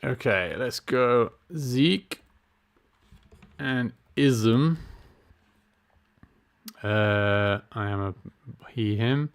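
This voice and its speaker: Speaking very slowly with long pauses, a middle-aged gaming streamer has a mid-range, clean voice. His let's-play commentary is chatty and self-deprecating, and he reads the game menus aloud.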